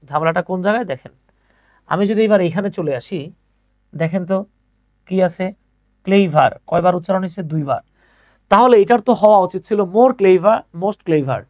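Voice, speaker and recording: A man's voice: high-pitched, darkish tone, dry recording. A man teaching English grammar in an online class, explaining step by step and putting questions to his students. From Bangladesh. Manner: explains step by step, asks the class questions and answers them himself; reads out students' comments and replies to them.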